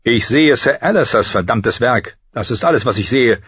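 A man's voice: mid-range voice, expressive, moderate pace, a bit bright, husky, no echo, voice pushed up. A man voicing a proud, bitter young male recruit who talks curtly and angrily in an audiobook. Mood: angry. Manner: curt, angry. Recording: slightly dull recording.

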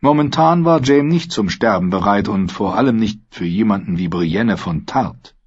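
A man narrating a fantasy audiobook in a measured, dramatic reading. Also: on the low side, expressive, breathy edge, lo-fi sound.

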